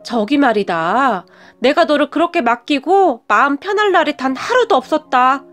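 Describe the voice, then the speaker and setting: A woman voicing a destitute middle-aged birth mother who begs and pleads slowly. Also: high voice, lively intonation, fairly bright tone, soft background music. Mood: wistful. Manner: pleading, tearful, slow.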